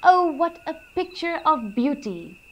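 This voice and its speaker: A woman reading a rhyming picture book aloud for children, gentle and expressive. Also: high voice, a little slow. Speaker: children's storyteller.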